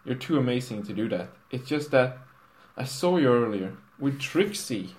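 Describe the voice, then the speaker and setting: A man's voice: medium pitch, expressive, moderate pace, voice pushed up, lightly acted, low-quality recording. A man voicing a lovestruck young female pony princess in a comic storybook reading, gushing and sweet.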